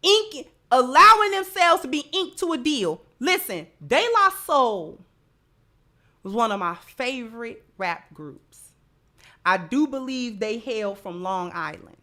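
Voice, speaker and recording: A woman runs a livestream, reading chat aloud and offering impassioned, emphatic commentary that repeats phrases to drive points home. Her slightly high voice is sing-song, bright and forceful, and she takes her time.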